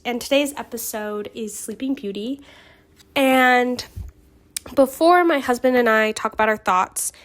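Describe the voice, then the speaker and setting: A YouTube host with a higher-pitched voice, still getting over a cold, narrates film history in a casual vlog. She's chatty and earnest, reading facts with small fillers and restarts.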